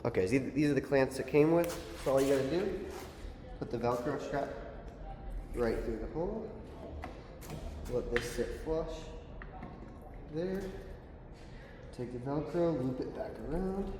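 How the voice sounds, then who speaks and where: Upbeat male vlogger, casual slangy delivery, garage recording with clear background noise and shifting mic distance. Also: mid-range voice, measured pace, pauses often. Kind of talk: casual product review and install walkthrough.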